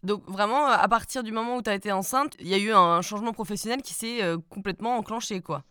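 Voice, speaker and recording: A woman's voice: mid-range voice, fast, sharp tone, smooth, no room sound. A woman hosting a podcast in a chatty, playful and informal way, with a morning voice. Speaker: podcast host. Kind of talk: chatty interview.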